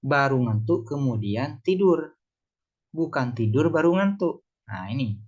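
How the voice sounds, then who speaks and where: A man's voice: mid-range voice, lively intonation, unhurried, a little mellow. Man teaching a religious text. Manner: explains phrase by phrase, asks and answers his own questions. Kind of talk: kitab study lesson, translating Arabic text. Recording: slightly dull lo-fi sound.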